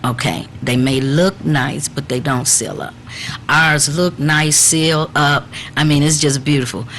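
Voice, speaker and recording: A woman's voice: low voice, steady tone, unhurried, fairly bright tone, a little hiss or hum. A woman guest on a talk show, explaining things emphatically in casual conversation. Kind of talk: casual studio chat.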